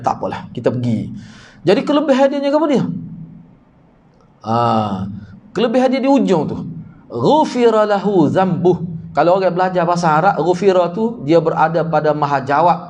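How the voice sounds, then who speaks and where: A man with a Kelantanese Malay accent teaches a hadith class, explaining terms conversationally and quizzing his students. His voice sits fairly high and swings widely in pitch. A faint hum of room ambience runs underneath. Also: a little mellow. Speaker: religious teacher.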